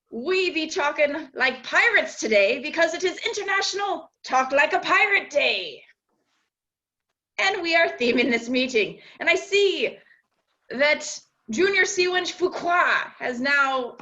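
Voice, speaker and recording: A woman's voice: sits high, lively intonation, takes it slowly, pushed and bright. Woman, playful pirate talk, club meeting, muffled lo-fi call audio. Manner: playful, mixes pirate talk with plain speech.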